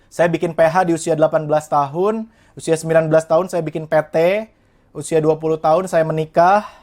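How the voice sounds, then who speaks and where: A man's voice: on the high side, flat delivery, a little fast, darkish tone. A man in his twenties from West Java, a young entrepreneur guest telling his life story in an earnest, motivational way and speaking straight to the listeners. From Indonesia, West Java. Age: 20s. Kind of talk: motivational interview talk.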